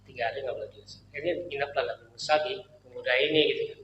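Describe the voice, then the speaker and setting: A man's voice: mid-range voice, very fast, lo-fi sound. A man preaching a sermon in a mosque, telling the story in a casual, joking way. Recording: echoey mosque hall with faint noise.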